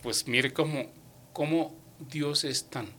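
A man giving a personal faith testimony, retelling conversations with lively, acted-out dialogue and dropping English words into his speech. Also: fairly high pitch, takes it slowly, a little hiss or hum.

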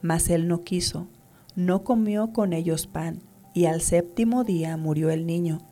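Woman reading bible verses, low and mellow, slow steady delivery, soft music way back. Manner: measured, even reading. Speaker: scripture reader.

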